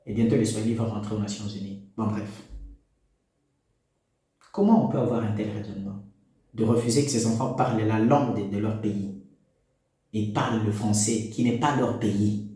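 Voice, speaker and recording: In an echoey room, a DR Congo commentator whose native tongue is a Congolese national language speaks to parents in an opinion monologue to camera. His warm, lowish voice moves at a moderate pace with frequent pauses, and his manner is preachy and exhorting, heavy on rhetorical questions.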